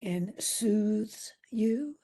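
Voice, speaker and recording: A woman instructs a guided meditation in a gentle, calming way, pausing at length. Her medium-pitched voice is breathy and animated, occasionally dropping close to a whisper.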